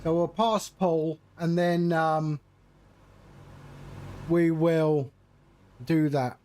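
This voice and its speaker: A man's voice: fairly high pitch, steady tone, drawn-out words, darkish tone. A man giving casual, chatty live commentary as a flight sim streamer. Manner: chatty, greets viewers while narrating flying.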